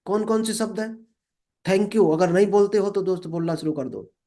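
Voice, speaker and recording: A man giving a motivational talk. He reads each English line slowly, then explains it, and often calls the listener friend. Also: high-pitched, mellow. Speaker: motivational speaker.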